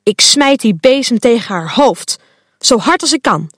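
A competitive little witch girl from a children's storybook, as a woman reads her, muttering her thoughts slowly and close, with a dry sound. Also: fairly high pitch, lively intonation, a bit bright, no echo. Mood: determined.

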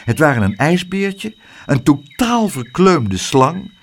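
A man reading a children's storybook aloud in a lively, expressive way. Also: on the high side, slow.

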